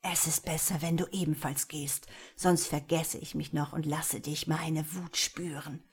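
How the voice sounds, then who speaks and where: A woman's voice: low voice, fairly even intonation, unhurried, husky, full character voice. A woman voicing a ruthless male vampire prince who gives stern, threatening orders in an audiobook. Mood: menacing. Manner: stern, commanding, rising to shouting.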